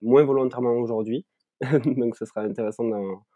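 A man in his twenties with a southern French accent, a guest on a remote podcast, speaking thoughtfully with many pauses and restarts. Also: mid-range voice, steady tone, dark tone, no echo. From southern France, Ariège. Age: 20s. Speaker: guest, content creator. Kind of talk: reflective conversational storytelling. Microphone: remote recording.

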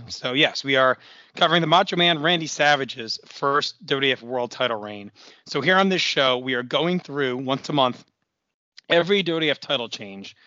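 A hoarse man co-hosts a casual podcast, his worn voice raspy but bright and pushed. The sound is dry and close, with a slightly dull, limited top end. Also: mid-range voice, animated, normal speed, dry recording. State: hoarse, voice nearly gone, throat-clearing. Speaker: podcast co-host. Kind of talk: casual conversational podcast talk.

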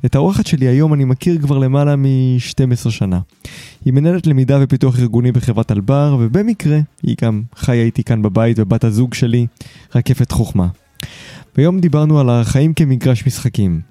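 A man hosting a podcast, reading a scripted intro in a measured, explanatory way and chatting casually with his guest. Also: medium pitch, warm tone, no room sound. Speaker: podcast host.

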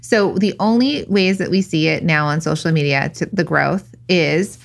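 A woman's voice: deep voice, normal speed, creaky. A woman co-hosting a marketing podcast, chatty and joking, laughing often. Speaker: podcast co-host. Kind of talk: casual podcast chat.

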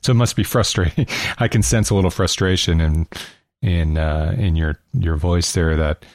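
A male host with a very low voice asks measured questions in a casual radio interview, using a few fillers along the way. The recording is dry and close, with no room sound at all.

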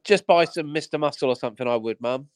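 A man's voice: on the high side, fast, clean tone, dry recording, studio quality. A man co-hosting a podcast, jokey and teasing the others. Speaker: podcast co-host. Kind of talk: casual chat.

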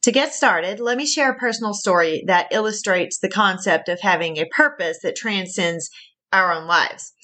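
A woman's voice: mid-range voice, normal speed, pushed and bright. A middle-aged woman with a Southern US accent hosting a faith-based podcast, earnest and encouraging, laughing at her own slips. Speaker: podcast host and career coach.

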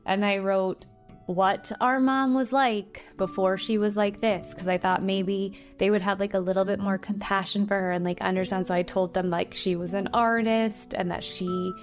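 A woman with a mid-range voice recalls family memories, pausing and restarting as she reflects. Music plays clearly behind her as she speaks. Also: medium pitch, fairly even intonation. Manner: reflective, hesitant with small restarts. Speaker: family member sharing memories. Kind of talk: personal storytelling.

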